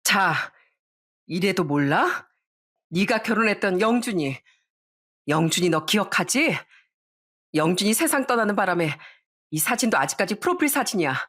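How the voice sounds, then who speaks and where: A woman's voice: mid-range voice, animated, moderate pace, pauses often, a bit bright, slightly rough. A woman voicing a stern wedding shop employee who accuses and confronts someone in a storybook narration. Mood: furious.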